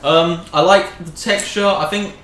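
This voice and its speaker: Bloke hosting a casual food review, bit high voiced, roomy echo. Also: male voice, steady tone, a little slow, fairly bright tone. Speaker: snack review host. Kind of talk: casual chat, snack review. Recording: echoey room with background noise.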